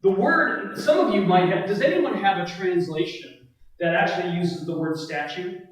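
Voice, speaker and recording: A man's voice: high-pitched, moderate pace. A man leading a casual Bible study lecture in a church room, talking conversationally and often checking in with his listeners. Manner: conversational, keeps asking "right?" of the group. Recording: very echoey room, mic far off.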